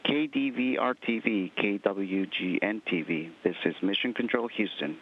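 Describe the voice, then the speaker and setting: A man's voice: lowish voice, normal speed, vocal fry. A man working as mission control operator, making clipped, formal radio callouts over a narrow-band space communications link. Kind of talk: radio call procedure. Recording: tinny hissy radio transmission.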